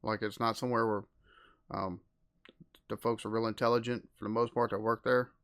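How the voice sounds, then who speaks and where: An American reaction host with a lowish, flat, somewhat bright voice talks fairly quickly in casual commentary. He rambles, sounds exasperated, and uses lots of fillers.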